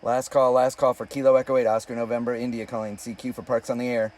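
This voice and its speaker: A man working a ham radio call, loudly spelling out call signs in the phonetic alphabet and logging contacts. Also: medium pitch, little pitch movement, quick pace, far from the mic, very noisy. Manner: loud, rhythmic calling in phonetic alphabet. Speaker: ham radio operator and devotional speaker.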